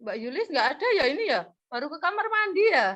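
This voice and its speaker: A woman talks fast in a high-pitched, sing-song voice with a fairly bright tone while teaching a practice classroom lesson. She coaxes and praises, often cutting off mid-word so the class can finish. The sound is muffled and lo-fi.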